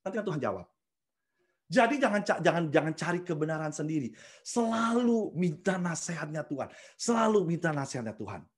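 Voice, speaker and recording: Animated high-voiced Indonesian man preaching. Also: quick pace. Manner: mixes English phrases into casual preaching, acts out prayers animatedly. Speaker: pastor. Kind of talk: sermon over video call.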